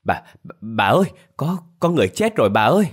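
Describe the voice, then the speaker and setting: A man's voice: lowish voice, normal speed, lightly acted. A man voicing a timid young servant girl who stammers and speaks deferentially. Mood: panicked.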